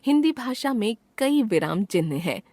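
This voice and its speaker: Female narrator for a grammar lesson: scripted, precise and measured, with a lively, rising and falling delivery, close and dry. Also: fairly high pitch, no room sound. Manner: precise, measured textbook reading.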